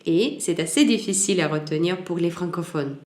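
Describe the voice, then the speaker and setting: A woman teaching a language lesson, slowly repeating each example word so it can be copied. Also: fairly low pitch, a little mellow. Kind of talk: slow spoken language lesson. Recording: roomy echoey room.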